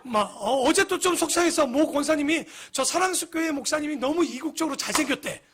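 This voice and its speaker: A man's voice: extremely high pitch, quick pace, fairly bright tone. A middle-aged man preaching a sermon as pastor, chatty and joking, asking the congregation rhetorical questions. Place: church sanctuary.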